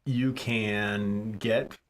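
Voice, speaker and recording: A man from California, a doctor co-hosting a live medical talk show, joking in quick asides between explanations. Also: on the low side, steady tone. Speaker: doctor co-host.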